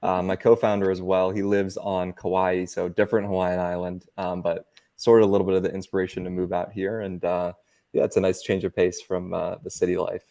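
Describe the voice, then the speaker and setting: Deep, mellow-voiced man guest. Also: level tone, a little fast, vocal fry. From San Francisco. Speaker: agency CEO, guest. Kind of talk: webinar interview.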